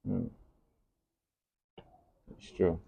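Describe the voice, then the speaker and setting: A man interviewing, mostly giving soft, brief words of agreement. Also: drawn-out words, dry recording. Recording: dull lo-fi audio.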